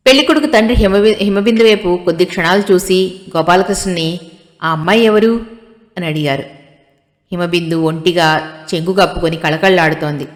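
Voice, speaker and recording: A woman narrating an audiobook story in a steady, storytelling manner. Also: lowish voice, brisk. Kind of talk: scripted narration. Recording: long hall reverb.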